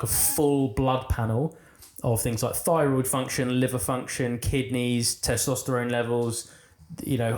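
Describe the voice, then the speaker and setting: Guest spot: man, mid-pitched, explains things at length and teases dryly, roomy echo on the mic. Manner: explains at length, dry teasing humor. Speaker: podcast guest, nutrition and fitness coach. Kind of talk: casual podcast chat.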